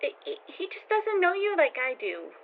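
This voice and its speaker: A woman's voice: very high voice, wildly swooping pitch, full character voice. An actress playing an earnest, anxious teenage girl in an audio drama. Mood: nervous, pleading. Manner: halting, earnest. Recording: thin phone-like lo-fi sound.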